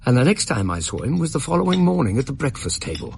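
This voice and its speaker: A British man playing a genial, gentlemanly doctor and storyteller in a radio drama, husky and wryly measured. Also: mid-range voice, big pitch swings, slight background noise. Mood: wry, storytelling. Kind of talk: radio drama narration and acting.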